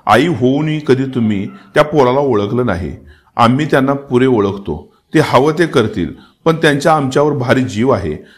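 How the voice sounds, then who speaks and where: A dying old king, weary but still commanding, speaks in an emotional, heightened voice, as a man reading a historical novel puts him on. His lines climb in pitch and swell in force. It sounds like a dramatic storybook reading. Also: lively intonation, normal speed, lightly acted. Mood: stern. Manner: emotional, rising to pleading and commanding outbursts.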